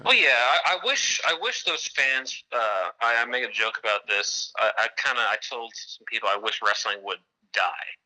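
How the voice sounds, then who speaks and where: A man guesting on a podcast interview, telling animated stories and laughing at his own jokes. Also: medium pitch, moderate pace, hardly any pauses, low-quality recording. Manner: animated storyteller, laughs at his own jokes, mocks fans in exaggerated voices. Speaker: guest, independent wrestler.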